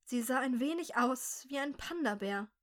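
A woman reading a dark first-person story aloud in a slow, measured, quietly tense way. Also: high-pitched, expressive.

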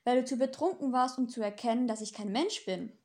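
A woman voicing a gentle, earnest male angel in an audiobook, polite and easily hurt. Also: a little high, fairly quick, lightly acted. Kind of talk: audiobook dialogue.

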